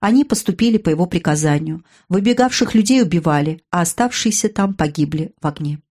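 A woman's voice: fairly low pitch, lively intonation, fairly quick, a little mellow. A woman narrating a dramatic audiobook, raising her voice for the characters' cries.

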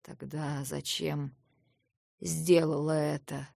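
Woman voicing a sardonic beat-up dragon guy, low gravelly drawl, storybook. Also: flat delivery, darkish tone, dry recording, clean studio sound, full character voice. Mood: hushed. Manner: slow mocking drawl. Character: mocking wounded male dragon-shifter, proud and sardonic.

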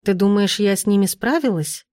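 A woman's voice: mid-range voice, a little fast, darkish tone, dry recording, studio quality, close to an everyday voice. A woman voicing a young noble lady, gloomy and reluctant, with a pleading tone. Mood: doubtful.

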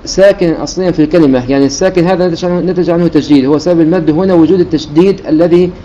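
A man's voice: on the high side, mellow, lo-fi sound, a little hiss or hum. A man teaching a religious lesson on Quran recitation rules, explaining step by step and breaking into recited verses.

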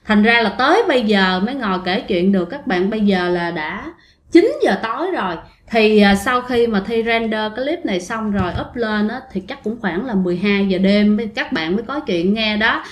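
A woman's voice: mid-range voice, expressive, moderate pace. Chatty woman storyteller. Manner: chatty, addresses listeners often. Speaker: ghost story narrator. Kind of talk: casual spoken storytelling. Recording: roomy echo.

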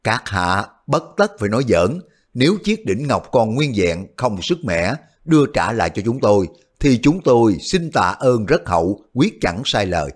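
A man voicing a fat, outwardly gentle but crafty male martial artist who talks with polite, formal pleading. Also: fairly low pitch, sing-song, moderate pace, husky. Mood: courteous.

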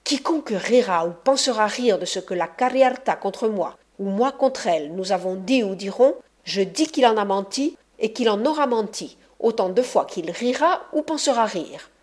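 A woman's voice: mid-range voice, animated, normal speed, few pauses, a little mellow, close to an everyday voice. A woman voicing a blustering male ruffian. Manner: boastful, threatening. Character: proud hot-tempered male ruffian, blustering. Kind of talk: audiobook reading.

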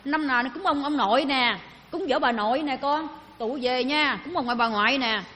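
In a hall with long reverb, a woman gives a Buddhist dharma talk, chatting casually with her listeners and putting questions to them. Her voice sits high and moves fairly quickly, sounding pushed and bright.

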